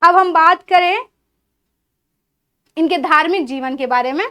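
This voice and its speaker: A woman's voice: very high voice, a little slow, bright, forceful tone. A woman giving an exam-prep history lecture, explaining step by step, asking questions and answering them herself, and listing items one by one. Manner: explanatory, asks and answers her own questions. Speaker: teacher.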